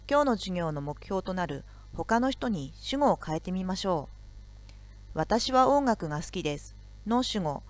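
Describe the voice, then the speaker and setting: A woman teacher giving a recorded video lesson, explaining grammar slowly and carefully. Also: lowish voice.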